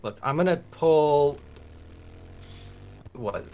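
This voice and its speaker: A man's voice: fairly high pitch, expressive, very slow, gravelly, darkish tone. A man in his forties chatting casually during a co-op game, teasing and joking with his friends. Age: 40s. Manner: teasing, playful. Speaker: co-op player. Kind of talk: casual gaming chat.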